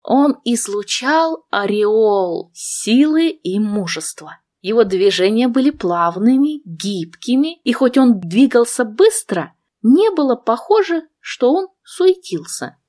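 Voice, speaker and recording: Lively, playful female audiobook narrator. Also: on the high side, slow, few pauses. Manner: playful, expressive storytelling. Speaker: audiobook reader. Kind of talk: first-person audiobook narration.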